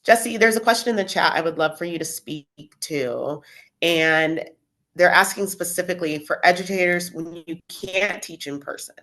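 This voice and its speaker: Low-voiced woman moderating a panel. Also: moderate pace. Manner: calm, summarizing and reading out questions.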